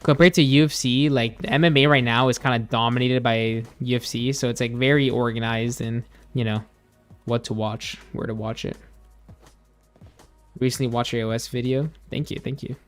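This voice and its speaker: A man's voice: mid-range voice, steady tone, normal speed, faint music behind. Laid-back young male streamer chatting. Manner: rambling, laid-back, many fillers and restarts. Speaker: gaming streamer. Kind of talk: casual chat while gaming, reading chat.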